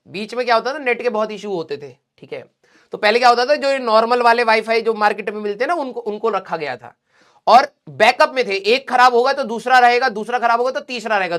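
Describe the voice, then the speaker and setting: A young man with an extremely high, fairly bright voice teaches a live online physics class. He keeps it chatty and full of jokes, teasing his students as he goes.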